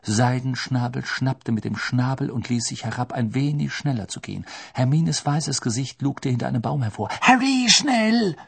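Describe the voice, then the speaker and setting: A man reading an audiobook as narrator, expressive and lively. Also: medium pitch, normal speed, creaky, hardly any pauses, slightly rough. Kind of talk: scripted narration.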